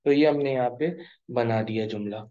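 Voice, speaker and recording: A male teacher explaining grammar in a classroom lesson, drawing out each example word slowly. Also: mid-range voice, warm tone. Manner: slow, drawn-out pronunciation of example words. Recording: dull lo-fi recording.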